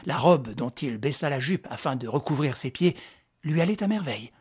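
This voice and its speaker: A reader narrates a classic novel in an even, measured way. The voice is husky and sits at a middle pitch. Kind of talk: audiobook narration.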